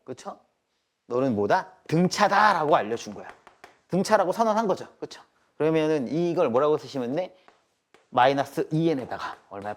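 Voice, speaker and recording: In a live math class, a slightly high-pitched male teacher aims rhetorical questions at his students and checks their understanding with a firm "알겠습니까?" ("got it?"). His speech alternates between politeness and casual banter.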